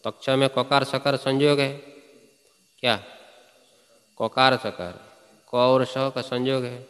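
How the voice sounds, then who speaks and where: A man's voice: mid-range voice, little pitch movement, takes it slowly, fairly bright tone. A man teaching Sanskrit grammar in a class, reciting rules and often asking his students questions to check they follow. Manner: recites Sanskrit sutras then explains. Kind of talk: classroom lecture. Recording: reverberant hall.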